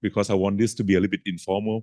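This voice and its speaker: A man moderating a conference panel, talking in halting bursts full of fillers and switching between languages. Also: lowish voice, level tone, mellow, dry recording, clean studio sound. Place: conference hall. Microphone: handheld microphone.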